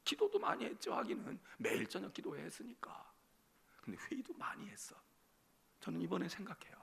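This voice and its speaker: A man, a senior pastor, preaching a sermon, animated, acting out dialogues and putting questions to the congregation. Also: high-pitched, brisk, creaky, husky, in a whisper.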